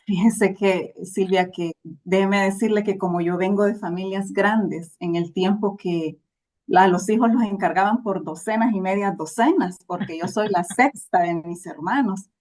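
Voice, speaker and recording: Heard through a low-quality recording, this woman's mid-range, darkish voice keeps a measured pace. She's from El Salvador, a guest on a podcast, sharing her personal story in an earnest, reflective manner.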